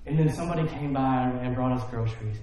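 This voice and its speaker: A man preaching a sermon in a relaxed, conversational way, often checking in with his congregation. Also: mid-range voice, fast talker. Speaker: pastor. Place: church sanctuary. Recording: very echoey hall.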